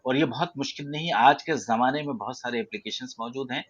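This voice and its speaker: A man from central India with an Indian Urdu accent, teaching poetic meter in an online audio class, measured and explanatory with frequent hesitations. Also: medium pitch, a bit bright, husky, no echo, muffled recording. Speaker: poetry teacher. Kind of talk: prosody lesson in an online audio room.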